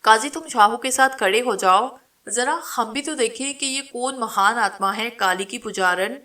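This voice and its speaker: A woman reading the lines of a calm, confident old male holy man in a dramatic story, speaking steadily and a little mockingly. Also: fairly high pitch, distant mic. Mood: challenging. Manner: steady, unhurried, mildly mocking.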